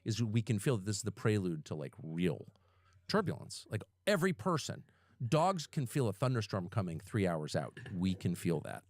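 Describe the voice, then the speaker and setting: A man in his fifties with a lowish voice that swings widely in pitch, speaking emphatically and swearing freely in relaxed podcast talk. The recording is close and dry. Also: moderate pace, dry recording. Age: 50s. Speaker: podcast guest. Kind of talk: casual podcast conversation.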